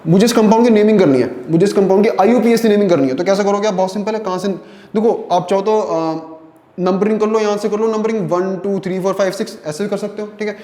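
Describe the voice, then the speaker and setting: A man's voice: high-pitched, quick pace, warm tone, roomy sound. A man teaching a chemistry lesson in Hindi, explaining step by step and often checking whether students follow. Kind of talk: online lecture.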